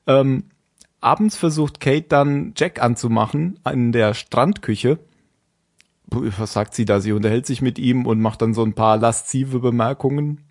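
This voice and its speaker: A podcast co-host with an unhurried, medium-pitched, slightly mellow voice casually recaps a TV episode. He rambles and corrects himself along the way, with lots of fillers and laughter.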